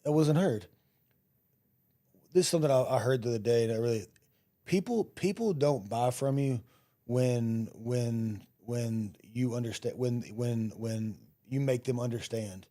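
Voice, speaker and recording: Male podcast host, dark warm tone, relaxed conversational storyteller. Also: medium pitch, a little slow. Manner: frequent affirming back-channel, rambling anecdotes. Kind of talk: casual podcast interview.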